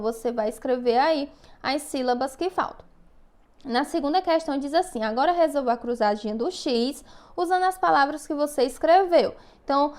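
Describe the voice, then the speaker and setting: A Brazilian Portuguese-accented woman with a high voice talks young pupils through their worksheets in a recorded lesson. She dictates words slowly and patiently and keeps checking that the children are following. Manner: patient, slow dictation with frequent "tá bom?" checks. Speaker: first-grade teacher. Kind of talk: recorded remote class instructions.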